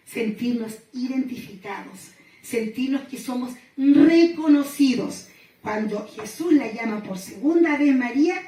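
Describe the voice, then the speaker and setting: A woman pastor from Chile giving a sermon reflection, telling the story gently and pausing often. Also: high-pitched. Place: small gathering room. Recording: echoey room, voice from far off.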